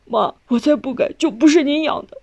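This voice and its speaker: A woman's voice: sits high, brisk, creaky, dark tone, pitched above the performer's own voice. A woman voicing a remorseful young male offender who pleads tearfully with his family.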